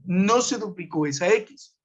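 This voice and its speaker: A man's voice: sits high, lively intonation, a little slow, breathy edge. A man teaching an English grammar class over a web conference, patiently walking through each rule step by step and checking in with his students. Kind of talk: online class explanation. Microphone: web conference computer mic. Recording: dull lo-fi web conference audio.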